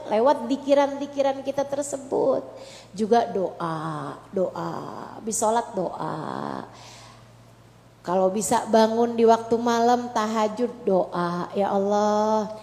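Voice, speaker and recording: High-voiced woman preaching in an echoey hall. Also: measured pace, vocal fry, dark tone. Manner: conversational, acts out heartfelt prayers. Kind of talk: Islamic sermon to women. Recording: echoey hall with long reverb.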